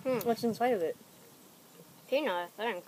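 A woman's voice: fairly high pitch, normal speed, a little mellow, slight background noise. Young woman talking with a mouthful of candy. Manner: loose and chatty, full of "like" and "kinda". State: mouth partly full of candy. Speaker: taste tester. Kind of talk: casual chat.

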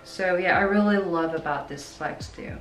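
This fashion vlogger, a Korean-speaking woman from South Korea, has a lowish voice and a moderate pace as she chats to camera about her clothing purchases. Upbeat and chatty, she leans on "like" constantly during the try-on haul. It's filmed beside a wall in a plain indoor room, with echo and a music bed.

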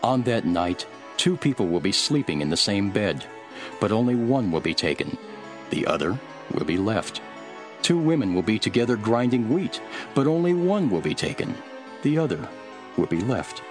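A solemn teacher of parables in a scripture audio drama. The voice sits fairly low and moves expressively as he teaches in a measured way. Soft music runs behind him. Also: sing-song. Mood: solemn warning. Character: Jesus, solemn male teacher telling parables.

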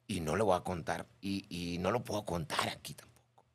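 A man with a Mexican Spanish accent, hosting a radio show and chatting casually while reading listener messages, gossipy and animated. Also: deep voice, normal speed, breathy edge. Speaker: radio host.

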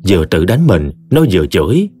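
A man with a Southern Vietnamese accent narrating a story in an expressive, folksy way. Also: low-pitched, a little fast, faint music behind.

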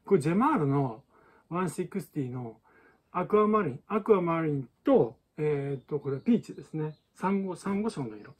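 A man's voice: a little high, lively intonation, brisk, darkish tone, husky. A man teaching balloon art in a chatty, casual way and laughing often. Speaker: balloon artist. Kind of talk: casual tutorial chat.

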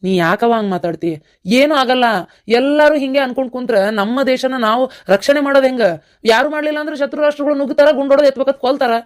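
A high-pitched, natural-sounding voice at a quick pace brings a cartoon's stubborn young villager to life, a determined character set on being a soldier. The performer speaks earnestly with a North Karnataka Kannada accent.

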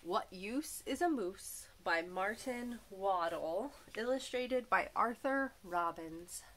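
A woman teacher reading a storybook aloud to young children, gentle and clear, with small asides about the pictures. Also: mid-range voice, expressive, slow, a little hiss or hum.

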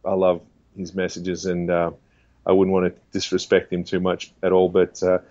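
Guest, man, fairly low chatty voice, muffled lo-fi sound. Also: completely flat delivery, normal speed, darkish tone, no echo. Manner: chatty, laughs often, stammers restarts. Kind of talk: casual interview chat.

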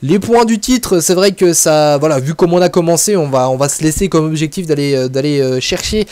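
A man hosting a gaming video, giving casual, excitable commentary as he plays a football game and talks his thoughts aloud. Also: fairly high pitch, fairly quick, clear, resonant tone, no room sound. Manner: chatty, excitable, thinking aloud.

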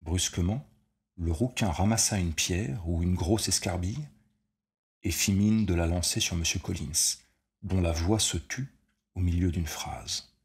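A man narrating a short story as an audiobook reader, measured and steady. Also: low voice.

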